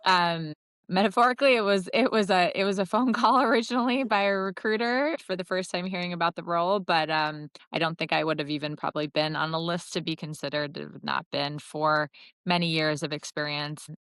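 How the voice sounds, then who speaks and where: Low-voiced woman, smooth and thoughtful. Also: fairly even intonation, brisk, fairly bright tone, no echo. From Connecticut, US. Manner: thoughtful, self-correcting, with light laughs. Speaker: marketing executive guest. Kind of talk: casual interview talk.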